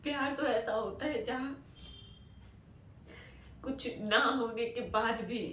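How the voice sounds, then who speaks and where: A woman auditioning as a heartbroken, rejected young woman, speaking in a pleading, halting, emotional way. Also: fairly high pitch, fairly even intonation, fairly bright tone, slight background noise. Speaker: actor auditioning. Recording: roomy, far from mic, faint ambience.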